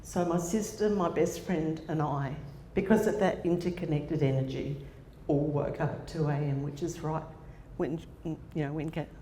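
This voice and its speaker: An Australian woman in her sixties, speaking to a conference audience, relates a personal story while using fillers and restarting along the way. Her voice sits low and mellow, with fairly even intonation and a normal pace. The handheld-mic recording from the hall carries echo and faint noise.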